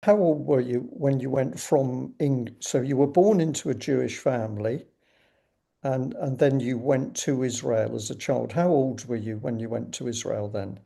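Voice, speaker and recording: A middle-aged man hosting an interview, speaking in a courteous, measured and slightly formal way. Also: mid-range voice, gravelly, dark tone. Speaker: interview host. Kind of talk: conversational interview.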